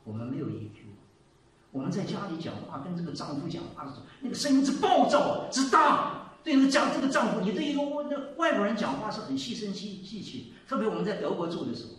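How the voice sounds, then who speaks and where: Animated elderly man preaching in an echoey hall. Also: high-pitched, very fast, distant mic. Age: 70s. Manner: storytelling, swings between loud exclaiming and quiet asides. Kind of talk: sermon. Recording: echoey room, voice from off the mic.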